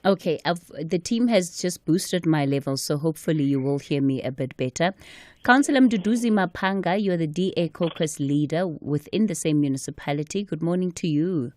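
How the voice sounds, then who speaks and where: A woman presents a radio talk show in a smooth host's manner. Her voice sits low and sounds warm and mellow. The studio sound is close and dry. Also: normal speed, dry recording. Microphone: studio microphone.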